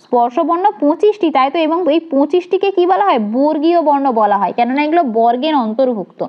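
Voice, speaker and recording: Woman teacher, high voice, quizzes the class and answers herself, lo-fi recording. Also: expressive, a little fast. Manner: explains step by step, asks questions and answers them herself. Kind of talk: grammar lesson for teaching-exam students. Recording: dull lo-fi recording.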